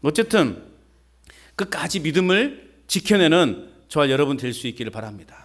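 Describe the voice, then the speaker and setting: This is an animated sermon from a pastor whose voice is on the high side, moving at a moderate pace. Folksy rhetorical questions alternate with call-and-response from the people in the pews.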